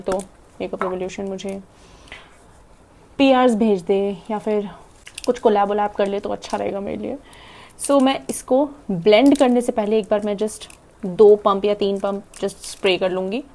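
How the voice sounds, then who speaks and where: Young Indian woman, makeup vlogger, mellow tone, quick chatty delivery with swallowed words. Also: medium pitch. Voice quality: talks fast and swallows half her words. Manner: chatty, demonstrating while applying makeup. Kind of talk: casual makeup tutorial, Hindi-English mix.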